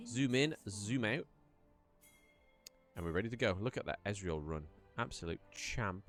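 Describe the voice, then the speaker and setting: A man casting a live esports match in a chatty, rambling play-by-play style that rises in excitement during fights. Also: fairly low pitch, moderate pace, faint music behind. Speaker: esports caster. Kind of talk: live play-by-play game commentary.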